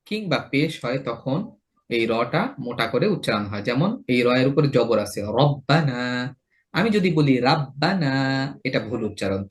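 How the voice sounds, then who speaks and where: A man with a Bangladeshi Bengali accent leads a tajweed lesson in a fairly high voice. He sets out each pronunciation rule in order. He slows down to chant the example words. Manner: explains rules step by step, chanting example words slowly. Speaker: Quran recitation teacher.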